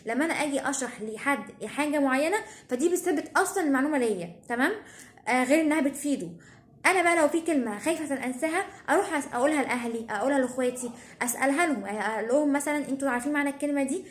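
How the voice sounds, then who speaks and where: Egyptian teen girl giving study tips, high voice, keeps stressing words and asking "got it?". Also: animated, very fast, echoey room. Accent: Egyptian Arabic. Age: teens. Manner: chatty, emphatic, repeats words for stress, checks in with listeners. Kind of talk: casual advice talk to camera.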